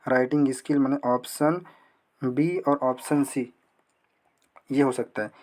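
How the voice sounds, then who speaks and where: A man's voice: mid-range voice, fairly even intonation, a little mellow. Man teaching exam prep. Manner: asks and answers own questions, reads English slowly. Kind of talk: exam prep lesson explaining questions.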